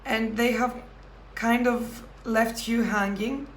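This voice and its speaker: A woman giving a pick-a-card tarot reading, talking thoughtfully with pauses and self-corrections. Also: on the high side, fairly even intonation, reverberant, slight background noise. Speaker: tarot reader.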